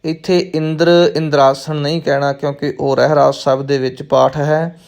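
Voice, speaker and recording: A man, a Sikh scripture teacher, who chants verses slowly and then explains how to pronounce them. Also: medium pitch, level tone, creaky, a little mellow. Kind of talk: slow recitation and pronunciation lesson.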